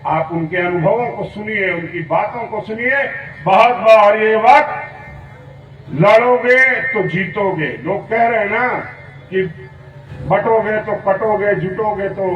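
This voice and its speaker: A man's voice: sits high, slow, recorded from a distance, dull audio, a little hiss or hum. A man giving a rousing political speech at an outdoor rally, with a Uttar Pradesh Hindi accent, talking through a PA system with rhetorical questions to the crowd. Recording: echoey PA sound from afar, faint ambience.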